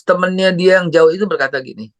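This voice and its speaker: A man's voice: high voice, quick pace, no room sound. A man who preaches a parenting talk and tells stories animatedly, acting out voices. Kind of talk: religious parenting talk with storytelling.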